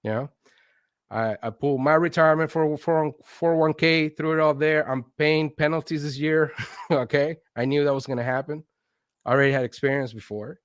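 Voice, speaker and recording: A slightly high-voiced man from Venezuela, late 40s, speaks at a moderate pace with no echo. As an interview guest and instructional design consultant, he tells personal stories in Spanish in a chatty way, acting out his own thoughts and checking in often with "right?".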